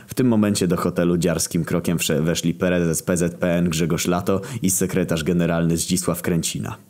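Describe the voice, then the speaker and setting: A man telling a crude comic story in the first person with a deadpan manner. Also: low-pitched, normal speed.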